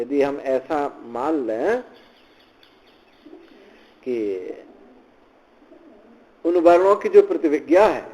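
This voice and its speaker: A male swami teaching scripture, reciting Sanskrit lines and explaining them slowly in Hindi, often repeating phrases. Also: on the high side, a little mellow, poor audio. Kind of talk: slow scripture commentary lecture.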